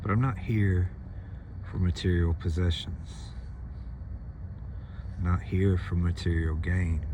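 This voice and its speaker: A man giving an earnest spiritual monologue to his followers, pausing often and clearing his throat between phrases. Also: sits low, fairly even intonation, noisy background. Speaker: spiritual channeler.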